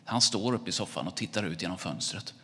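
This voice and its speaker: A man telling a children's story aloud in a relaxed, loose way, with pauses and restarts. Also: deep voice. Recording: long hall reverb.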